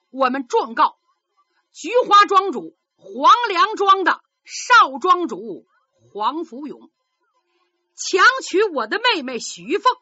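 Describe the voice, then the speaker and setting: A woman's voice: high voice, sharp tone, dry recording, lo-fi sound, voice pushed up, full character voice. A woman voicing a frightened young commoner man, pleading desperately before a magistrate.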